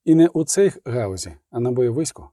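A man reading a story aloud as narrator, in a measured, expressive way, close to the mic. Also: medium pitch, dry recording. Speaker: audiobook narrator. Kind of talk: scripted narration.

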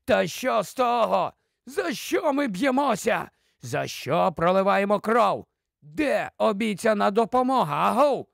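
A man voicing a bitter, angry male dwarf who shouts and sneers, in an audiobook. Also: high voice, big pitch swings, a little slow, gravelly, no echo, studio quality, voice pushed up, heavily acted. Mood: angry, sneering.

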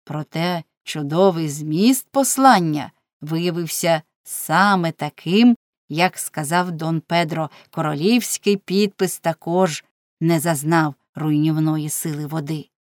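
A woman with a fairly low voice narrates a novel in a measured, expressive way. The recording is close and dry, with no room sound at all. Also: dry recording. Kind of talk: audiobook narration.

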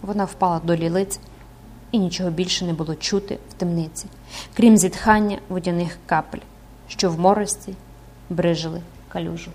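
A woman narrating a classic novel as an audiobook in an expressive, dramatic way. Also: fairly low pitch, a little fast, slight background noise. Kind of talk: scripted narration.

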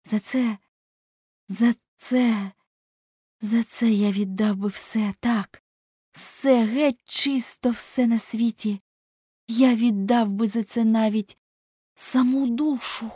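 A woman's voice: on the high side, fairly even intonation, slow, long pauses, warm tone, slightly rough, no room sound, voice pushed up. Woman doing a young pretty boy freaking out about getting old, voice pushed way up, dry sound. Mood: despairing. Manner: impassioned, rising to pleading outbursts. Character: young handsome man, anguished, vain, fearing age.

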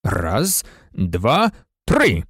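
An audiobook reader voicing a calm, kindly male teacher in a lowered, softer voice, with a dry sound. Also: very slow, gravelly, breathy edge, no room sound, exaggerated voice. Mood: steady.

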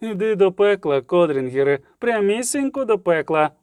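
A man's voice: high-pitched, big pitch swings, moderate pace, a little mellow, clear, resonant tone, no room sound, pitched above the performer's own voice. A man voicing a tall, cold male half-elf assassin who speaks in a menacing hiss, in an audiobook. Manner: hissing, cold.

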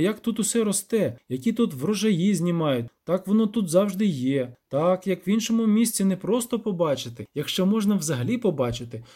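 A man's voice: sits high, dark tone, pitched above the performer's own voice. A man voicing a nervous, talkative peasant who rambles in a folksy way.

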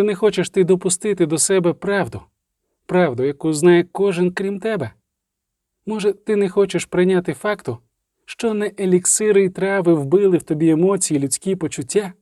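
A man voicing an adult sorceress who talks in a cold, mocking way and grows heated, pitched well above his own voice. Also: mellow, dry recording, clean studio sound. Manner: mocking, fast and rising.

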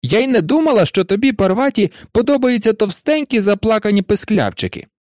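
A man's voice: high-pitched, big pitch swings, brisk, darkish tone, no room sound, clean studio sound, voice pushed up. A man voicing a spiteful, cold schoolgirl in a storybook reading, jeering.

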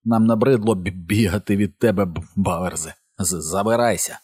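A man reading an audiobook, voicing a quiet, steady boy who stutters and speaks softly and distinctly. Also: deep voice, moderate pace, breathy edge, no room sound, studio quality. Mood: firm.

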